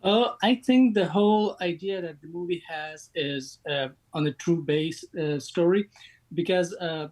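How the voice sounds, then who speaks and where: A man from Afghanistan, a former interpreter, speaking haltingly with many fillers and restarts. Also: on the high side, a little mellow, rough recording.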